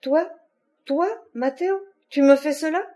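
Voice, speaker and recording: A woman's voice: on the high side, expressive, normal speed, warm tone, lightly acted. A woman voicing a fiery, capricious young woman. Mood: defiant. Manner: shifts from defiant to pleading. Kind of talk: audiobook character reading.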